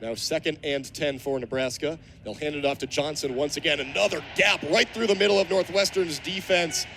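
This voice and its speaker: This American man in his twenties is calling live radio play-by-play at an outdoor college football stadium. His voice is fairly high, gravelly and a bit bright, with a brisk delivery, and the stadium broadcast carries ambient background noise.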